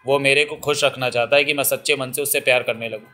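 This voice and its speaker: A young village woman in love, pleading and teasing, as a male narrator reads her. The voice stays bright and clear, in an audiobook novel. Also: mid-range voice, steady tone, fast talker, soft background music, close to an everyday voice. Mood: earnest. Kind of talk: audiobook reading.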